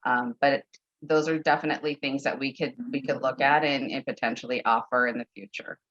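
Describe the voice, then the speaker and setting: A woman's voice: a bass voice, fairly even intonation, a little fast, a bit bright. A woman on a conference call, answering parent questions in an online info session, hesitant with many fillers. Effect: conference call audio. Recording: dull lo-fi conference call audio.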